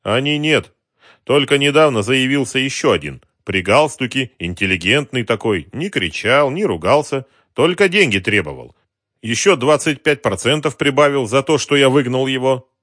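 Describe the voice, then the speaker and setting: A man voicing a stubborn, hot-tempered shopkeeper who shouts back at gangsters. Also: medium pitch, animated, moderate pace, dry recording, clean studio sound, voice pushed up. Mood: tense, defiant. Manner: defiant, shouting.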